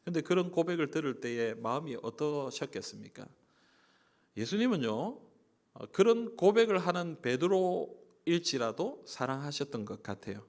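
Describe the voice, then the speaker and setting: Busan-accented pastor preaching with emphatic swings. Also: male voice, fairly high pitch, lively intonation, moderate pace. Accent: Gyeongsang (Busan). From Busan, South Korea. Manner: conversational preaching, swings from soft asides to emphatic rising lines. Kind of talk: sermon. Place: church sanctuary.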